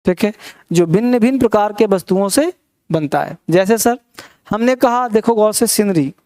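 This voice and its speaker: A middle-aged man teaching English grammar in a classroom, who keeps asking quick questions and mixes in English terms. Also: sits high, expressive, darkish tone. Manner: coaxing, asks many quick questions. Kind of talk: classroom lecture.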